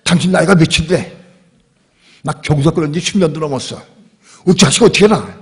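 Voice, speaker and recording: A man voicing an indignant, sharp-tongued aged wife in a sermon, scolding and incredulous, with a husky, gravelly voice. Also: on the high side, brisk.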